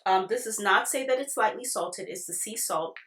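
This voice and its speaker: A woman's voice: mid-range voice, moderate pace, fairly bright tone. Echoey, chatty woman reviewing a product. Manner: chatty, addresses viewers directly. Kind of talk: casual video product review to viewers. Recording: echoey, roomy sound.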